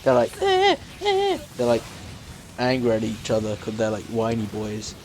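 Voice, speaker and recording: A man's voice: fairly low pitch, level tone, moderate pace, a little mellow, slight background noise. A man co-hosting a casual podcast, recapping a story in a rambling way with lots of fillers and restarts. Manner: rambling, full of fillers and restarts, slips into silly quoted voices. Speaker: podcast co-host.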